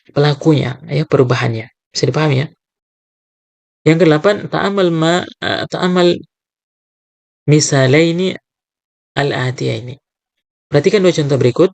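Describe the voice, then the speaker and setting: A man explaining a lesson as a teacher, reading sentences slowly, then translating them and checking with the listener. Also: on the high side, creaky, dry recording. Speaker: Arabic teacher.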